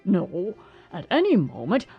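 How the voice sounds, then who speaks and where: A man voicing a pompous, long-winded old male owl who talks slowly and grandly. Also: high voice, wildly swooping pitch, husky, highs cut off, faint music behind, pitched above the performer's own voice, full character voice.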